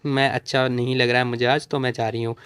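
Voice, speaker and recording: A man reading the lines of a sly, scheming young woman in a low, hushed voice. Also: flat delivery, fast talker, clean tone, lightly acted.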